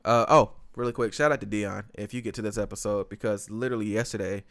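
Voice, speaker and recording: A man hosting a podcast, chatting in a slangy, animated, informal way. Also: lowish voice, quick pace. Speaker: podcast host. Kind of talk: casual podcast chat.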